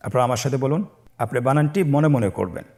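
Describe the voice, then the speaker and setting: A man teaching Quran reading, spelling out letters and syllables slowly for listeners to repeat after him, stretching each joined word. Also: mid-range voice, expressive, darkish tone. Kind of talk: slow recitation lesson with call-and-repeat drills.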